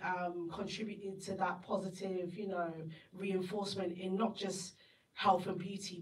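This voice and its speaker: A chatty woman in her 30s whose first language is Igbo gives animated interview storytelling as a festival guest speaker. Her mid-range voice is a bit bright, she laughs often and acts out her inner voice, and the indoor event venue sounds echoey, with the mic at a distance and slight background noise.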